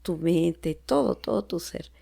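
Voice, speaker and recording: Woman, Peruvian Spanish accent, heavy vocal fry, earnest testimony, slips into near-whispers. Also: fairly low pitch, animated, measured pace, dark tone. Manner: earnest, emotional, often drops to a near-whisper. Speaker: podcast guest. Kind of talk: personal testimony in casual chat.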